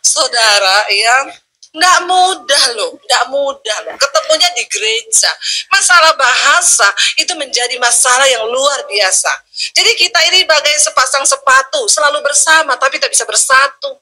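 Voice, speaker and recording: A woman pastor with a Sulawesi accent preaches in a humorous storytelling sermon. Her voice sits high and sounds very bright and forceful. She delivers it animated and dramatic, with big pitch swings for comedy. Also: normal speed, rough recording. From Sulawesi, Indonesia.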